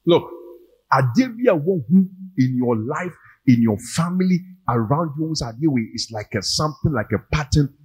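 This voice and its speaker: A Ghanaian man preaching a charismatic sermon in a booming, motivational way, emphatic and repetitive, rallying his congregation with call and response. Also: animated, moderate pace, breathy edge.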